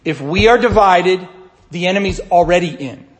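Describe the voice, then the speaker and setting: A man preaching a sermon, teaching in a conversational way and swinging between loud urging and soft asides. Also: high-pitched, normal speed, reverberant. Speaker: pastor.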